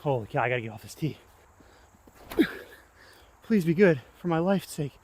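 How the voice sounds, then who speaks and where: A man's voice: a little high, moderate pace, slight background noise. Winded young man calling his disc golf throws. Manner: excitable, yelps at his throws. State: winded and tired. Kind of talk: casual play-by-play commentary. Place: outdoor disc golf course.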